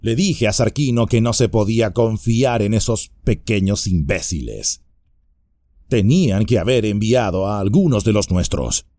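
A man's voice: fairly low pitch, lively intonation, unhurried, dark tone, dry recording, clean studio sound. A man voicing a big, sneering, brutish ruffian in an audiobook, menacing and mocking. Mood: scornful.

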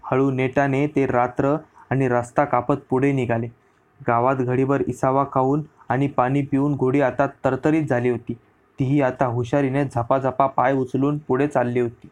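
A man narrating a historical story as an audiobook reading, in a steady storyteller delivery. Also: medium pitch, moderate pace.

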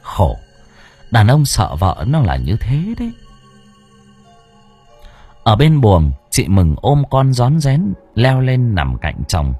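A man narrating a ghost story in an expressive, dramatic way. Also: medium pitch, slow, pauses often, slightly rough, faint music behind. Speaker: audiobook narrator.

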